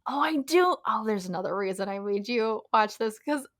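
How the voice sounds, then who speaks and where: A woman's voice: fairly high pitch, lively intonation, moderate pace, no echo, clean studio sound. A young woman co-hosting a podcast in casual chat, talkative and laughing often, trailing off with ums. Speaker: podcast co-host.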